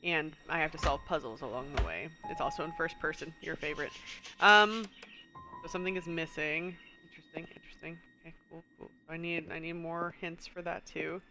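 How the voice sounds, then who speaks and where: Over music, a woman with a stuffy nose gives casual commentary while streaming a puzzle game, her low-sitting voice fairly quick. She muses aloud, reads the in-game text, and chuckles frequently.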